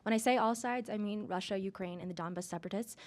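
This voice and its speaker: A woman's voice: mid-range voice, fast. A young adult woman competing as a student, answering a judge's question in a formal way.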